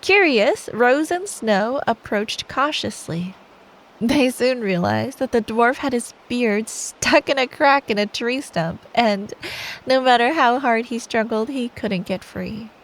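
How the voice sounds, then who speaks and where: Over faint, soft rain sound effects and poor audio, a woman with a slightly high, animated voice tells a slow-paced bedtime story. She is an ASMR performer playing a girlfriend, sweet, playful and taking her time.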